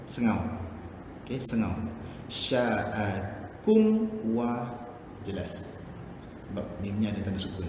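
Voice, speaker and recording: A male Quran teacher with a Malaysian Malay accent explains recitation rules patiently and chants verses slowly to show them. His voice carries a strong echo with a long reverb tail, as if in a hard-walled hall. A clear layer of background noise sits under the speech. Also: on the low side, very animated. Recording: echoey room with background noise.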